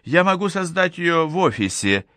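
A man's voice: a little high, big pitch swings, normal speed, pushed and bright, no echo, clean studio sound, pitched above the performer's own voice. A man voicing a polite, prim young female receptionist in an audiobook.

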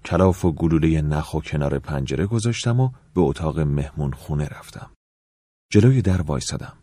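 A man narrating an audiobook in the first person, calm and measured, at times dropping to a soft whisper. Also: rumbling low, no echo, studio quality.

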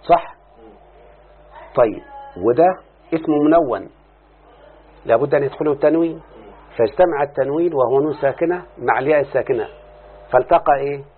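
Husky Egyptian man teaching grammar. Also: fairly high pitch, fairly quick, long pauses. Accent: Egyptian Arabic. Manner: repeats questions to students, stretches out key words. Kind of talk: grammar lesson. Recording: phone-like lo-fi recording.

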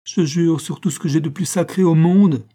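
A man's voice: fairly high pitch, normal speed, dark tone, pitched above the performer's own voice, close to an everyday voice. A man voicing a desperate young ex-convict who pleads his innocence in a frantic, protesting way. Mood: pleading.

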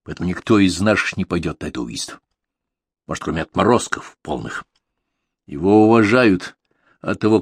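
A man reading a stubborn, calm male hired killer in an audiobook, speaking tersely and deliberately in a hoarse voice. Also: low-pitched, no room sound.

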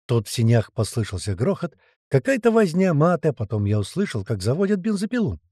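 A man narrating an audiobook in the first person, in an expressive, colloquial storytelling manner. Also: a little high, fairly quick, no echo, studio quality.

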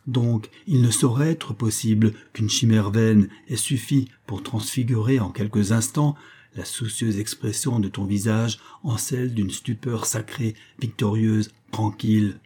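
Young male poet, bold and cunning, impassioned pleas, dark husky tone; a man reads the part. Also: on the low side, steady tone, unhurried. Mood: defiant. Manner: impassioned and defiant pleading. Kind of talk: audiobook reading.

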